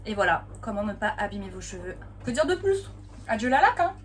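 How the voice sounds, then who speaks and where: A woman's voice: medium pitch, big pitch swings, fast, slight background noise. A young woman vlogging casually to her phone camera, chatty and playful, with frequent fillers and laughs. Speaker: dance vlogger. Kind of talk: casual vlog chat to camera. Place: at home, then cycling outdoors and at a café.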